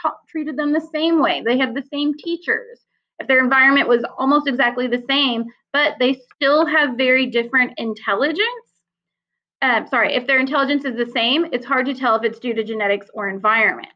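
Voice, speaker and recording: A woman's voice: sits high, brisk. A woman teacher giving a recorded psychology lecture, explaining in a conversational way with frequent fillers. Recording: slightly dull lo-fi sound.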